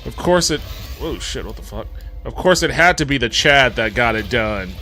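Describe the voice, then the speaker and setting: A man's voice: mid-range voice, expressive, normal speed, bright, forceful tone, soft background music. A man streaming a video game live, talking into a headset mic, reacting aloud, reading game text and swearing casually. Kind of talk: casual live gaming commentary.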